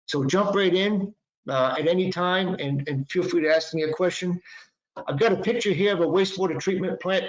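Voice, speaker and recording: A man in his sixties with a Boston accent, an attorney giving a conversational webinar presentation with many fillers and restarts. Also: on the high side. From Northeastern United States. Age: 60s. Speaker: patent and trademark attorney presenter. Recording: echoey, dull lo-fi room sound.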